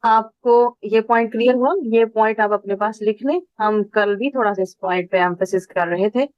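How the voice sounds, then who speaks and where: A woman teaching an online class, patiently repeating each point slowly for her students. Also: medium pitch, fairly even intonation, smooth, dry recording, lo-fi sound.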